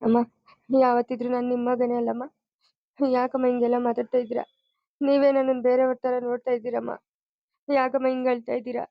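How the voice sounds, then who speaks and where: Vijay, a gentle foster son. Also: female voice, a little high, flat delivery, fast talker, creaky, pauses often, no room sound, dull audio. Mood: soothing. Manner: soothing, pleading. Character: devoted young adult foster son, gentle and reassuring. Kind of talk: cartoon voice acting.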